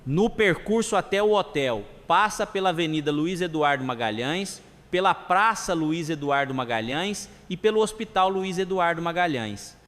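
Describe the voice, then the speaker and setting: A man reading jokes and sayings aloud in an even delivery. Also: on the high side, normal speed, few pauses. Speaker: joke teller. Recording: long hall reverb.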